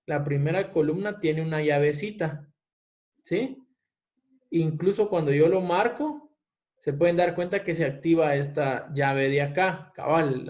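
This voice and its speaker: A man walks his class through a computer tutorial step by step. His voice sits a little high and keeps asking the listeners short check-in questions. The recording is roomy and dull, as if from a basic mic in an echoing room. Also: a little mellow. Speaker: teacher. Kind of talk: screen-recorded software tutorial.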